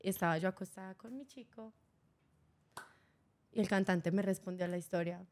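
A woman's voice: mid-range voice, fairly even intonation, moderate pace, darkish tone. A woman from Colombia with a Colombian accent, chatting casually as a guest on a radio show and laughing often as she tells stories. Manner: giggly, laughs often while telling stories. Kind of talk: casual chat. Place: radio studio.

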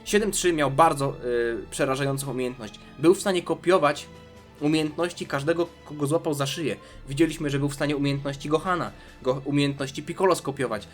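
Animated man recapping a comic. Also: on the high side, a little fast, soft background music. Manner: animated, with slips and restarts. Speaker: host. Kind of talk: casual comic recap narration.

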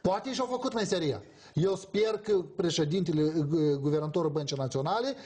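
A man's voice: a little high, a little mellow, slightly rough. A man, a politician guest on a TV talk show, talking emphatically and animatedly and acting out quoted exchanges. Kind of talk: emphatic studio debate. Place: TV studio.

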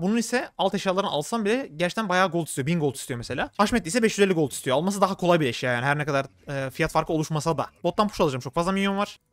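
Male streamer, live gameplay commentary; rapid, chatty, a touch high-pitched. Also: no echo, clean studio sound. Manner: chatty, thinks aloud, flares up in frustration. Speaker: gaming streamer.

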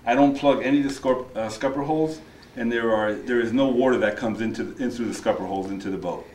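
A man's voice: medium pitch, quick pace, darkish tone. A middle-aged man explaining kayak features in a casual product demonstration, with frequent fillers and restarts, in a large shop. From New Jersey. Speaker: kayak fishing presenter. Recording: roomy shop echo, faint noise.

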